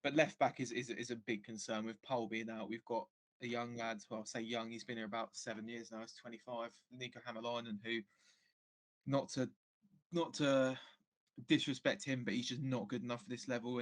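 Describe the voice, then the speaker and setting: Brief: man of middling pitch, casual fan guest, halting delivery with lots of restarts. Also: level tone. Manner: hesitant, many restarts and fillers. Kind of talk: casual football chat.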